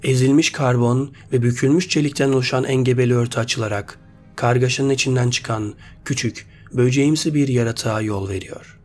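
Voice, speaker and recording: A man's voice: mid-range voice, darkish tone. Man narrating a story over faint music.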